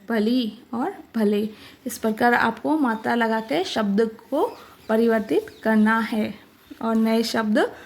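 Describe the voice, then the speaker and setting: A woman teacher walks through a workbook at an unhurried pace, slightly high in pitch. She sounds out each word carefully, one at a time. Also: creaky. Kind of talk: explaining a workbook.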